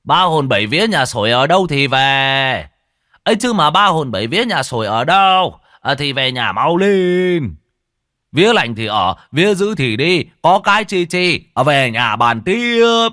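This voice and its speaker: Gruff old sorcerer, as a male storyteller puts him on: loud, bossy, lively in pitch, dry recording. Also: normal speed, no room sound, heavily acted. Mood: chanting. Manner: loud, barking orders.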